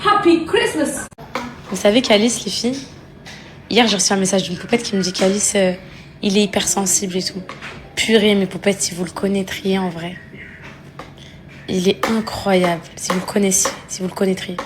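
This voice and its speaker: A tired mother in her thirties, a family vlogger, chats casually and affectionately with her viewers in a home vlog, calling them "les filles." Her voice is medium-pitched and fairly quick, with fairly even intonation. Background noise can be heard.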